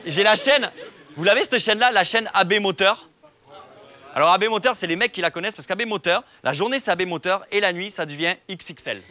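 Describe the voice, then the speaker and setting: Fast-talking man with a southern French accent. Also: high-pitched, pushed and bright. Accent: southern French, from Perpignan. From Perpignan, southern France. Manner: quick, joking, many restarts and stammered repeats. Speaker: stand-up comedian guest. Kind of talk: casual chat and stand-up routine. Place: TV studio café set with audience.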